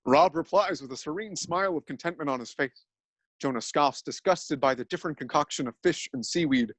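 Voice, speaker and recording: A man narrates an absurdist tale with deadpan, mock-dramatic gravity, speaking fairly quickly in a slightly high voice. The recording is dry and close with no echo, and it's low quality.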